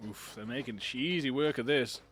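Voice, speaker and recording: A man's voice: mid-range voice, normal speed, a bit bright, slight background noise. A man casting an online shooter match alone, chatty and rambling, with self-deprecating asides. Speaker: esports caster. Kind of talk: solo game commentary.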